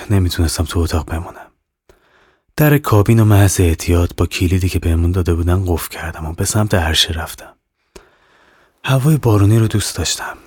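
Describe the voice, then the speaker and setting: A man narrating a serialized horror audio novel in the first person, calm and measured. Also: sits low, slightly rough. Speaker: narrator and author.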